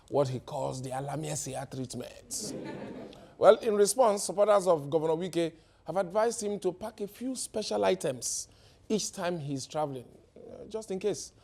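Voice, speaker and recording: A man's voice: on the high side, normal speed, darkish tone. A man with a Nigerian accent hosting a satirical news show, delivering headlines with wry jokes and laughing at his own punchlines.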